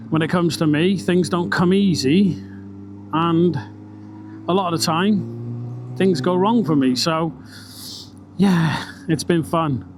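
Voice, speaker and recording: Riding a motorbike on country roads, a British vlogger with a slightly high voice talks through a mic inside his helmet, so he sounds enclosed. He rambles slowly and pauses often, chatty and sweary, while engine, wind and road noise sound clearly behind him.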